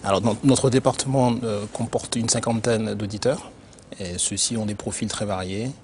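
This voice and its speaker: A man who grew up in Benin, an internal auditor answering interview questions in a measured, explanatory way with frequent hesitations. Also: on the low side, fairly even intonation, noisy background. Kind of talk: corporate career interview.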